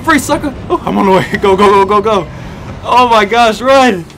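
Young american guy doing gameplay, high voice all over the place, trash talking, game music behind. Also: expressive, normal speed, fairly bright tone. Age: young adult. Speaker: gaming video host. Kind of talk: excitable gameplay commentary. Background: game music and sounds.

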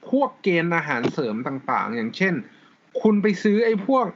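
Casual podcast co-host, man, high voice, step-by-step explainer, slightly dull audio. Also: very animated, a little fast, creaky, a little hiss or hum. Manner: explains step by step, laughs often. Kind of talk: casual chat about law.

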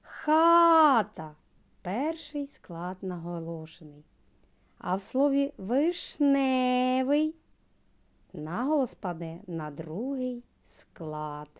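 A woman's voice: on the low side, animated, dark tone. A woman kindergarten teacher from Ukraine giving a recorded lesson to preschoolers, speaking to them directly. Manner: slow, sing-song, addresses children directly.

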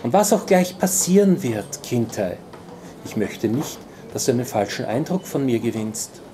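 A man reading aloud voices a mysterious, seductive woman with a smoky, quiet, coaxing voice. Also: mid-range voice, big pitch swings, moderate pace, noisy background, close to an everyday voice.

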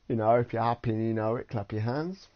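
Streaming a game, a man from the United Kingdom offers rambling, giggly, casual commentary. His voice is on the low side, and the streaming audio is dry, dull, and lo-fi.

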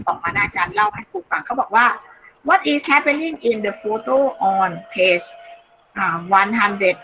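A woman teaching an English class online, explaining slowly in Thai and reading English phrases aloud. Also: medium pitch, big pitch swings, vocal fry, pushed and bright. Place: online video call. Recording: dull lo-fi call audio, faint noise.

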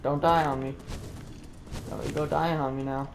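A woman playing a game with a friend, relaxed and dryly teasing in casual chat. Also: deep voice, normal speed, gravelly, slight background noise, rough recording. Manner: laid-back, dry and teasing. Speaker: gaming channel co-host. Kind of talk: casual let's play chat.

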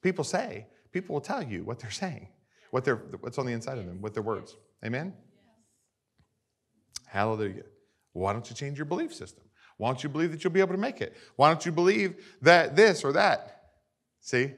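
A male pastor preaching a sermon to his congregation, animated and often asking them for agreement. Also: medium pitch, moderate pace.

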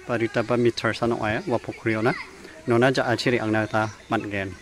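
Holding his phone at arm's length beside a rural fish pond, a young vlogger chats casually and explains directions for his outdoor vlog. His mid-range voice shows little pitch movement and he speaks a little fast.

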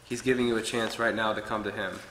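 Reading earnestly from his notes, a young adult man preaches a short sermon from a pulpit in a level tone, quick-paced, with a fairly low, pushed and bright voice. A little hiss or hum sits under the long reverb of the echoey, wood-paneled church hall.

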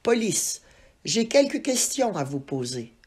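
A woman voicing a brisk male police commissioner in a children's storybook. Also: mid-range voice, sing-song, a little mellow, slightly rough. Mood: official. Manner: brisk, commanding. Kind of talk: storybook reading.

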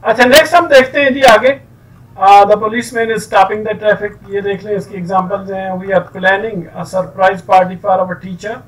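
A man teaching an English grammar lesson, explaining rules with many fillers and reading example sentences slowly. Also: high voice, fairly even intonation, recorded from a distance, low-quality recording.

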